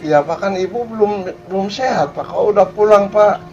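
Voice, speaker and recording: A man's voice: high voice, normal speed, muffled recording, soft background music, voice pushed up. A man voicing a humble, polite chauffeur who speaks deferentially to his employer in a told story. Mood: concerned. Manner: deferential, keeps adding "Pak".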